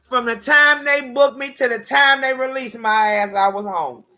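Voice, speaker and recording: A woman's voice: high voice, normal speed. A woman casually telling a personal story, profane and laughing often between lines. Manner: animated, with vernacular grammar.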